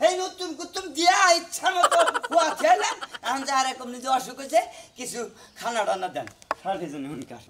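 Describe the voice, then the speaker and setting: High, fast-talking joking man. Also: expressive. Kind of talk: slapstick comedy skit acting. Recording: clear background noise.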